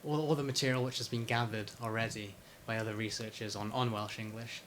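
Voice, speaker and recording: A man in a casual interview, talking about his research and book in a hesitant way, with many pauses and restarts. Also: on the low side, fairly even intonation, a bit bright, a little hiss or hum. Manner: hesitant, lots of fillers and restarts. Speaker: interviewee, PhD researcher and author.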